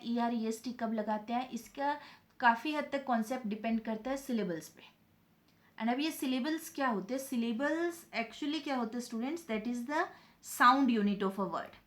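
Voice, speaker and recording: Woman, slightly high voice, grammar teacher, step-by-step explaining, asks and answers own questions. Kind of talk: online grammar lesson.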